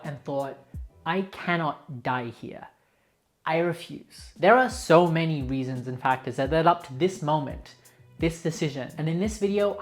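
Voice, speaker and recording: A young Australian woman narrating her vlog in a frank, outspoken, opinionated way. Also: low voice. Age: young adult. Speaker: vlogger.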